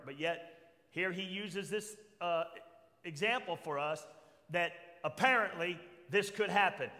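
An older man preaches from a pulpit in a church hall, his voice sitting fairly high for a man. A long reverb trails after his words as he reads scripture and puts questions to his congregation. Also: sharp tone. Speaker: pastor. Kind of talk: sermon.

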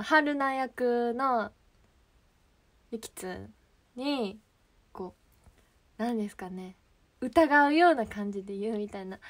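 High-voiced young Kansai woman chatting. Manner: chatty, rambling, searching for words. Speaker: idol livestream host. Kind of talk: casual livestream chat.

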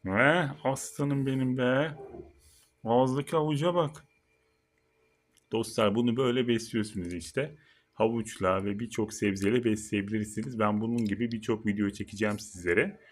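Man cooing and explaining to viewers. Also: moderate pace. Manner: coos at his turtle in a high, excited baby-talk voice; calm, low explaining voice to viewers. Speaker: channel host. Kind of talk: casual pet-feeding vlog.

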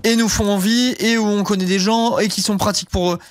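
A man's voice: high voice, steady tone, a little fast, no room sound, studio quality. A young man streaming a game, chatting casually and rambling with lots of fillers and casual swearing. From southern France. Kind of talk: casual live-stream chat while gaming.

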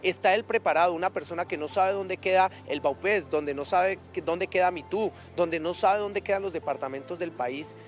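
A man's voice: high-pitched, normal speed, hardly any pauses, faint music behind. A man giving pointed political commentary in an interview. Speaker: political analyst.

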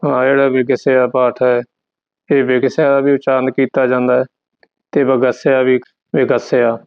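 A man's voice: medium pitch, monotone, smooth. A man teaching how to pronounce scripture, stopping the reading to correct it word by word. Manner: slow, deliberate, instructive. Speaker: Gurbani recitation teacher. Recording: dull lo-fi audio.

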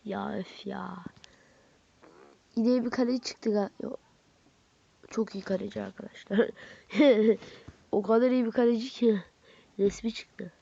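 A young woman with a stuffy nose, giving casual, excitable commentary as she opens card packs in a game, swinging from muttering to squealing. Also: a little high, normal speed, creaky, long pauses, muffled recording. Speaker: gaming YouTuber. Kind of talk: casual pack-opening commentary.

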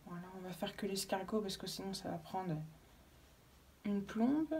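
A woman with a medium-pitched, gravelly, warm voice speaks at normal speed while demonstrating a craft technique at home, her daughter nearby. As a craft tutorial vlogger, she explains casually as she works, often hesitating with fillers and restarts.

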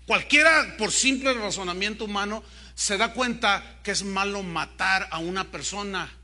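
A Mexican pastor with a Mexican Spanish accent preaching a sermon, swinging from loud questions to hushed asides. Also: male voice, high voice, normal speed.

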